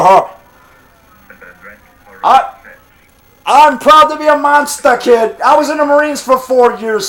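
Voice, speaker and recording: High-pitched, defiant middle-aged man arguing. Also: fairly bright tone, poor audio. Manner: defiant, boastful, punctuating with "brother" and "pal". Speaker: low-budget monster movie maker. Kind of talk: combative, off-the-cuff argument, one side of a phone call.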